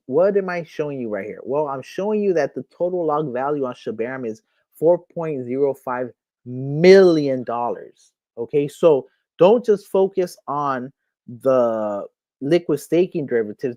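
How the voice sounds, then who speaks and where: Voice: mid-range voice, lively intonation, unhurried, a little mellow, no room sound. Crypto host going thru the screen all hyped, keeps saying okay?, calls viewers my people, dry close sound. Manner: hyped, keeps repeating "okay?" and "right here". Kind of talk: screen walkthrough commentary.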